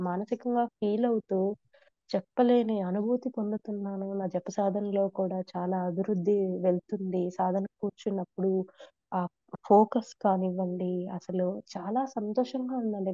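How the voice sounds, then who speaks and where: A woman's voice: medium pitch, no room sound. Earnest devout woman, dry dull sound. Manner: earnest, devout, with frequent restarts. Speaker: devotee sharing experiences. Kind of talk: conversational testimony.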